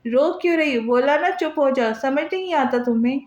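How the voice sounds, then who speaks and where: A woman voicing a cruel, mocking young husband who taunts his wife in a soft menacing tone, in a roomy, dull lo-fi recording. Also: a little high, normal speed, lightly acted. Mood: angry.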